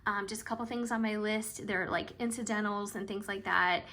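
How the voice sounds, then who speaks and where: A woman vlogger talking casually through her cash budget, a bit hoarse and chatty, with frequent hesitations. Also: medium pitch, steady tone, a little fast, bright, forceful tone. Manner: chatty and hesitant, with frequent ums and trailing asides.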